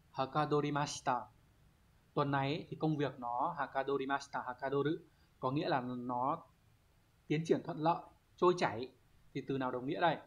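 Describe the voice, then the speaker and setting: A man teaching an online Japanese vocabulary lesson. He reads example sentences aloud, explains each word, and keeps asking his students quick check questions. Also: medium pitch. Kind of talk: online exam walkthrough lesson.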